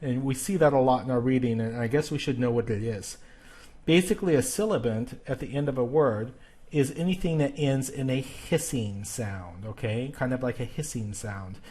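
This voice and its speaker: A man's voice: mid-range voice, mellow, husky. Patient man teaching a pronunciation lesson. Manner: patient, explains step by step with frequent checks like "okay?"; repeats example words slowly and deliberately. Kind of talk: spoken grammar lesson.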